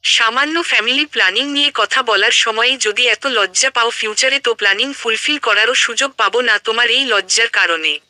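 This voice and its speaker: A woman's voice: fairly high pitch, brisk, pushed and bright, no room sound. A woman voicing an affectionate, teasing young man talking to his fiancée on the phone in an audio story. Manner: playful, teasing.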